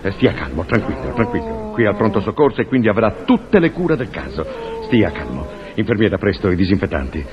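A man's voice: on the low side, very animated, brisk. A man playing a flustered emergency-room doctor who barks orders at a nurse and keeps losing his temper in a radio comedy sketch. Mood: soothing. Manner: frantic, barking orders, swings from soothing to yelling. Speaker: comic actor. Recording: lo-fi old radio recording.

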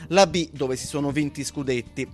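A man's voice: a little high, normal speed. Male reporter narrating over faint music. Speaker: sports journalist, narrator. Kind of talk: scripted sports report narration.

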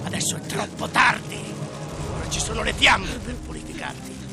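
An actor playing a fanatical male executioner who preaches and shouts threats. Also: sits high, fairly even intonation, normal speed, over music. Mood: menacing.

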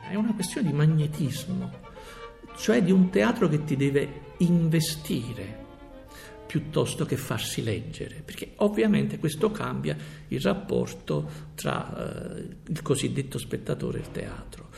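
Gravelly male commentator, slightly high voice, earnest, explanatory radio talk. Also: very animated, measured pace, a little mellow, faint music behind. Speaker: commentator on theatre.

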